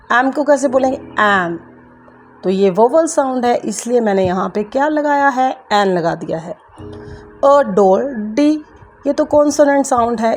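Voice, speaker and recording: A woman's voice: fairly high pitch, darkish tone, slight background noise. A woman from India with an Indian accent teaching English grammar in a patient, repetitive way, speaking to her students as kids. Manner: patient, repeats key points, addresses students as kids. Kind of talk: grammar lesson explaining at a board.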